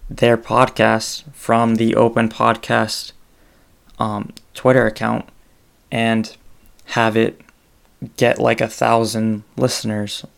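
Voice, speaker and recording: A man talks alone into his own podcast in a casual, meandering monologue, often stopping on fillers. His voice is gravelly and fairly flat, and he takes his time. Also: mid-range voice. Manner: rambling, hesitant with many fillers. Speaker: solo podcast host.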